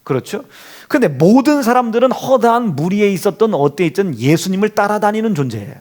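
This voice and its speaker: Male pastor preaching in church; high, animated delivery full of rhetorical questions. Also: brisk. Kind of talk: sermon. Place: church sanctuary. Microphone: handheld or stand microphone.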